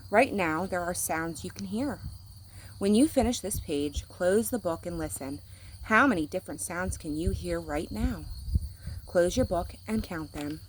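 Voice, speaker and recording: A woman teacher reading a children's picture book aloud in a gentle, clear manner. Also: fairly low pitch, lively intonation, unhurried, a little hiss or hum. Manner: gentle, clear, playful animal sounds. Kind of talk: children's storybook read-aloud.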